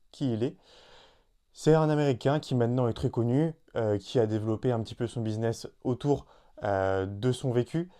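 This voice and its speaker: A man's voice: medium pitch, warm tone. A man hosting a solo podcast, talking casually to the listener with many fillers and restarts. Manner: addresses listener informally. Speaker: podcast host.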